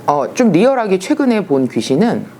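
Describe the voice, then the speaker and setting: A woman shaman recounts her experiences in a casual storytelling manner. Her low-set voice swings widely in pitch as she acts out the people she quotes. A faint hiss of noise sits under the recording. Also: big pitch swings, normal speed, warm tone.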